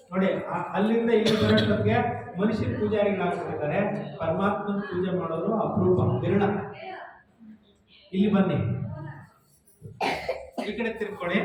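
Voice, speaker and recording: A man's voice: sits high, background noise. A man working as a museum guide, explaining pictures on the walls to a group, asking them questions and telling them where to stand. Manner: asks the group questions and has them repeat answers. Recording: echoey hall, far from the mic, with a crowd.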